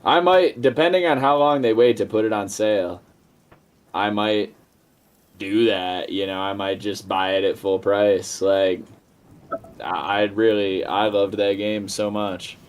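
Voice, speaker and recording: Young guy streaming, rambly and hyped, kinda low voice, swears a lot. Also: steady tone, unhurried, clear, resonant tone. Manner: rambling, enthusiastic, swears casually. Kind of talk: casual live-stream chat while gaming.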